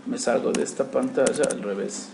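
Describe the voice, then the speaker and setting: A man's voice: mid-range voice, moderate pace, vocal fry. A man teaching a networking class, walking students through a live command-line demo and checking in with them after every step. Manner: constant check-ins with the class, talks while typing commands. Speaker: networking instructor. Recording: echoey classroom with faint room noise.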